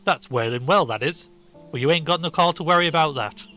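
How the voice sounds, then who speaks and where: A man's voice: a little high, fairly quick, sharp tone, faint music behind, pitched above the performer's own voice. Man putting on a grave old country shepherd. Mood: grave warning. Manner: broad country dialect, dropped words. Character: old rustic male shepherd, grave and superstitious.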